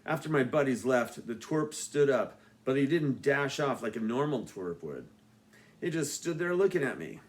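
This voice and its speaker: An author reads his own novel in a mid-pitched male voice. He tells the story with dry, deadpan humor. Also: moderate pace. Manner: wry, deadpan asides. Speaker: author reading his book. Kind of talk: audiobook narration.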